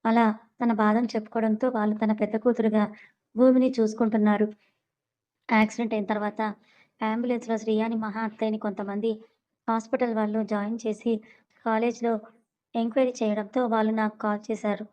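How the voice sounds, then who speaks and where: A woman's voice: fairly high pitch, little pitch movement, fairly quick, long pauses, a little mellow, highs cut off. A woman narrating a serialized story and reading every character's lines in her own voice. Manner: reads all characters' dialogue in her own voice.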